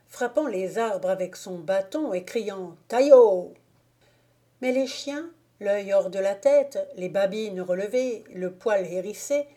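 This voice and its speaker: Slow, mellow woman reading a novel. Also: mid-range voice. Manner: slow, measured, soft-spoken reading. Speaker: audiobook reader. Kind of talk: scripted narration of a classic novel. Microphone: home recording, volunteer reader.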